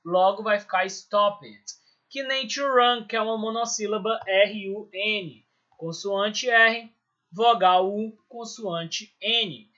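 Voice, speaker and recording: High, bright-voiced Brazilian teacher. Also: male voice, takes it slowly, muffled recording. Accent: Brazilian Portuguese. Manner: explains step by step, checking in with "certo?" and "beleza?". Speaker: English teacher. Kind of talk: recorded school lesson.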